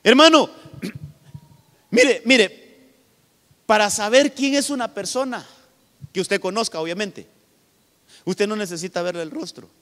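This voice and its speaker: Male pastor, high voice, sermon, emphatic preaching, long church reverb. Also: a little slow, pauses often, fairly bright tone. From Honduras. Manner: emphatic preaching, often addressing the listener as "hermano". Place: church hall.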